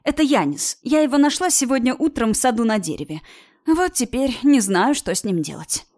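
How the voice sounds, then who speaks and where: A woman's voice: fairly high pitch, expressive, fairly quick, a little mellow, voice pushed up. A woman reading an audiobook, voicing a bold young woman who talks with sarcasm and indignant emphasis. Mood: wry. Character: bold, sharp-tongued young woman friend. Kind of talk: audiobook character voice.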